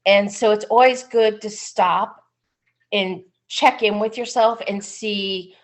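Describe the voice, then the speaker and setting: Slow-talking woman presenting a webinar. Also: mid-range voice. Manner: unhurried, chatty, frequent "um"s, warm enthusiasm. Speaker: psychic medium giving a webinar talk. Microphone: computer mic on a video call.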